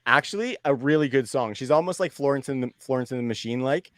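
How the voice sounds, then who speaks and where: A man's voice: mid-range voice, fast, fairly bright tone, dry recording. A man in his thirties co-hosting a casual podcast, telling stories and laughing often as he talks. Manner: laughs often, tells stories with quoted asides. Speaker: podcast co-host. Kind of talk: casual chat.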